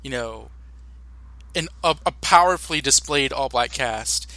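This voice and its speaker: Young American man, podcast co-host, bright voice, halting restarts, dry close mic. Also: mid-range voice, no room sound. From United States. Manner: animated, halting with many restarts and fillers. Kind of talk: casual podcast chat.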